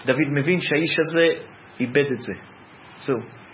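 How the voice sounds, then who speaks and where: Animated man preaching in an echoey room. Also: on the high side, slight background noise. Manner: animated, preacherly storytelling that builds with repetition. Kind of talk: Torah sermon. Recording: echoey, dull lo-fi room recording.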